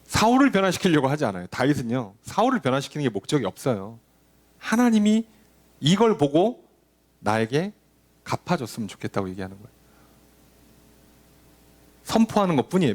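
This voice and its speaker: A male pastor delivering a sermon, urging and questioning the congregation, now and then dropping to a low aside or acting out a quoted line. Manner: animated preaching, drops to a low murmur for emphasis, acts out quoted lines.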